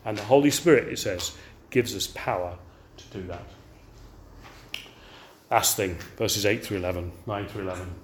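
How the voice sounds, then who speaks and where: An older man from England preaching a sermon, animated and often checking in with the audience with rhetorical questions. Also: lowish voice, moderate pace, long pauses, a little hiss or hum.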